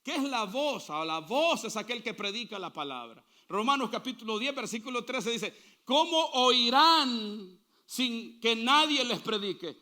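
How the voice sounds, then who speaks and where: Guy preaching a sermon, really high pitched voice, call and response with the crowd. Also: expressive, a little slow, sharp tone. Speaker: pastor.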